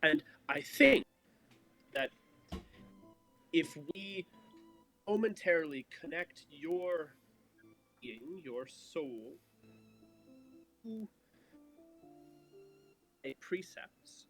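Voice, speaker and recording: A man's voice: a little high, expressive, fairly bright tone, faint music behind, heavily acted. A man voicing an arcane male being in a tabletop game, his voice clipping in and out over voice chat so words get cut off. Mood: earnest. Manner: halting, words chopped off mid-phrase. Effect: voice clipping in and out, cutting off words. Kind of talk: in-character roleplay over voice chat.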